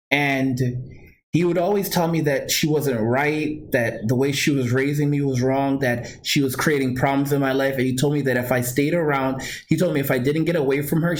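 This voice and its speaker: A vlogger tells his viewers a personal story directly, earnest and emphatic, repeating points and frequently restarting or correcting himself. His voice sits at medium pitch, with a little hiss or hum in the background.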